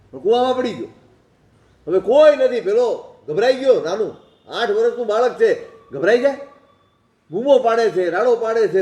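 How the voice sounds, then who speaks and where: Male preacher, high voice, sermon with stories and rhetorical questions, echoey hall recording. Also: a little mellow.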